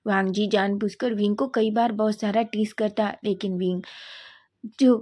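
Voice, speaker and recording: Female storyteller with a mellow, warm tone; reads every character's lines in her own voice. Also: mid-range voice, steady tone, moderate pace. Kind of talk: narrating a fan story aloud.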